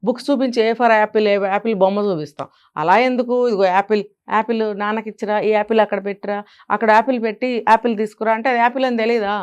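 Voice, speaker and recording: A woman with a Telugu accent speaks with a smooth, resonant voice. She gives parenting advice in an interview and drives her points home with rhetorical questions. Her pitch sits in the middle range. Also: fairly even intonation, fast, muffled recording.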